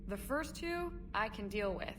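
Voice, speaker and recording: An actress as a brash war reporter. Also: female voice, medium pitch, animated, natural voice. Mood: confident. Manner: assertive, quick and direct. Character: ambitious female war reporter, brash and confident. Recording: game audio with ambient noise behind.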